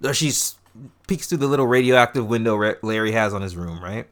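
A man's voice: fairly low pitch, fairly quick. A man co-hosting a casual podcast, talking about a TV show. He swears often and jumps into voices as he retells scenes. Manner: profane, animated retellings of scenes. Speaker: podcast co-host. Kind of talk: casual TV review chat.

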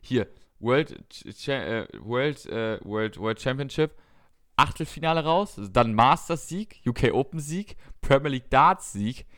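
A man's voice: mid-range voice, expressive, a little slow, fairly bright tone. A man co-hosting a casual podcast, chatting about darts in a rambling way, often correcting himself and listing results at length. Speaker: podcast co-host.

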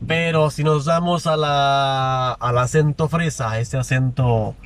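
A man's voice: mid-range voice, steady tone, slow pace. A young Mexican man co-hosting a casual podcast from a car, slangy and hesitant as he searches for words. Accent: Mexican Spanish. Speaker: podcast co-host. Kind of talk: casual chat. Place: inside a car. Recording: noisy car interior.

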